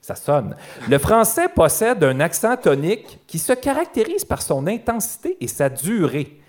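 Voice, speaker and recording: Un homme à l'accent québécois anime un balado en direct devant public, avec un ton joueur et des jeux de mots. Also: male voice, high-pitched, very animated, moderate pace. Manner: playful, joking wordplay, frequent laughs. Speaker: podcast host. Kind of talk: live comedy podcast commentary. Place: live show in a concert hall.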